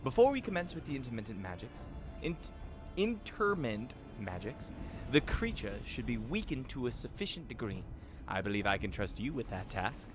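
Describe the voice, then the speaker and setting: A man's voice: medium pitch, sing-song, normal speed, few pauses, over music, lightly acted. A man reading the lines of a formal ancient scholar-mage from a game, in stately archaic phrasing. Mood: measured. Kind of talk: reading game dialogue aloud.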